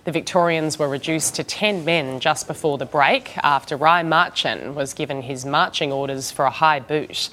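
A woman's voice: deep voice, moderate pace, few pauses, fairly bright tone. A woman with an Australian accent presenting a scripted news bulletin.

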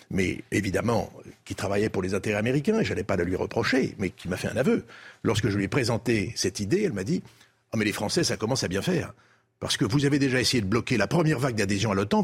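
Recounting diplomatic history as a debate guest, an older French-accented man from France speaks in a lowish, husky voice. His style is measured and didactic, marked by emphatic phrasing.

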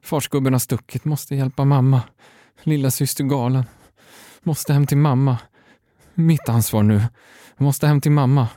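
A man's voice: mid-range voice, fairly even intonation, dark tone, dry recording, studio quality, close to an everyday voice. A man playing a shell-shocked young man who mutters the same short phrases over and over. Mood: dazed. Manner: repetitive, mechanical muttering.

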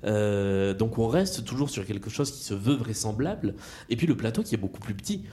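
A man's voice: on the low side, animated, brisk, dark tone. A man from southern France hosting a casual podcast chat, talking with frequent hesitations. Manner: hesitant, many fillers.

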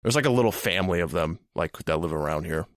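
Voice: deep voice, expressive, fast, no room sound. A podcast co-host in casual chat, teasing in a dry way.

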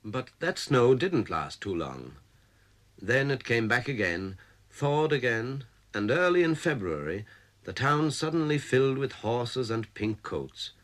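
Male narrator, scripted documentary, animated pitch. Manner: measured, descriptive.

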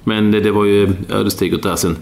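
Gravelly deep-voiced man. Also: steady tone, a little mellow, a little hiss or hum. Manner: rambling, blunt, with many fillers. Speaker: podcast co-host. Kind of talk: casual football chat.

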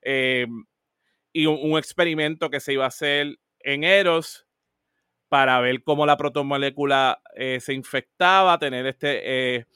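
Animated man, slightly high voice. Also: unhurried, clear, resonant tone, no echo, studio quality. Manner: animated, mixes English words into Spanish, frequent restarts. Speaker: podcast co-host. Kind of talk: casual discussion of a TV series.

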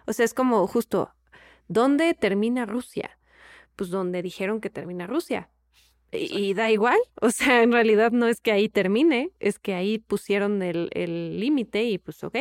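Una mujer joven con acento mexicano, copresentadora de un pódcast, hablando directo y sin rodeos en charla casual. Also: female voice, mid-range voice, moderate pace, no room sound, studio quality. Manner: blunt, conversational. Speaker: podcast co-host. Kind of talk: casual chat.

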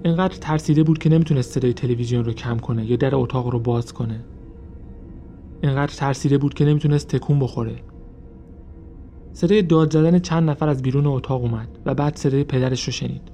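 Male narrator, dark mellow tone, steady measured true-crime storytelling over soft music. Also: mid-range voice. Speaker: podcast narrator.

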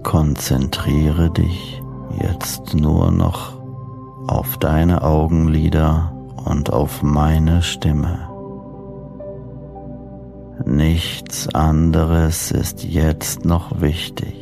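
Deep and creaky, this man's voice shows little pitch movement as he narrates a guided sleep story. He's a host and hypnosis coach for sleep meditations, speaking in soothing, deliberate short phrases separated by pauses, with new-age music playing clearly in the background.

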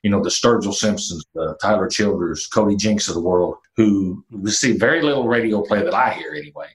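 A man of fifty talks about his music career in a casual interview. His voice sits very low. He rambles easily, with plenty of "uh" and "you know" and the odd mild curse. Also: fairly quick, low-quality recording. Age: 50s. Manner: relaxed storytelling with fillers and mild cursing. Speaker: country singer-songwriter.

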